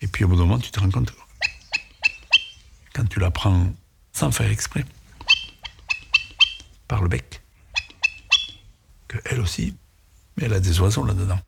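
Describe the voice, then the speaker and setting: A man recalling childhood memories in a reflective, hesitant way, with halting phrases, for a sound documentary. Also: fairly low pitch, creaky, very noisy. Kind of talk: personal reminiscence.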